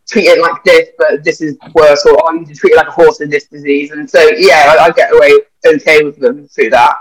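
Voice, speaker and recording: A young vet with a notably high, slightly bright voice chats casually on a podcast, telling loose, rambling stories full of swearing and filler words. The recording is rough.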